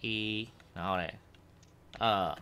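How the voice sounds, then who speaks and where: A man's voice: lowish voice, slow pace, bright, forceful tone, a little hiss or hum. A man teaching Japanese grammar one-on-one, casually checking understanding with tag questions.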